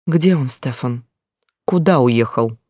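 A man voicing a distraught young woman, desperate and demanding, pleading and rising to shouts. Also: medium pitch, slow, no room sound, clean studio sound.

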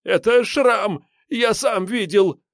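A man performs a terrified young petty criminal in an interrogation room, his hoarse voice jumping up into a shrill squeal as he begs. The delivery is strained and desperate, recorded dry and close. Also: moderate pace, dry recording, natural voice. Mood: panicked. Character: frightened young male petty crook under interrogation.

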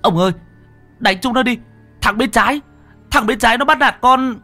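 A man voicing a cheeky, excitable young grandson who cheers and curses shrilly in a ghost story. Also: sits high, fairly quick, faint music behind, pitched above the performer's own voice. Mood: frantic cheering.

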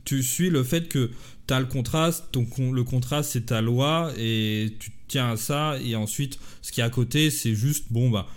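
A man's voice: mid-range voice, moderate pace, clean tone. A man acting as game master in a casual role-play session, hesitant and often repeating himself as he thinks.

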